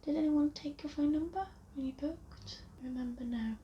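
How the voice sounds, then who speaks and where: A woman with a high voice and an English accent performs an ASMR receptionist roleplay, murmuring softly and breathily, often almost whispering. Her customer-service talk is courteous, calming and slow-paced. The recording is lo-fi and muffled, with clear background hiss.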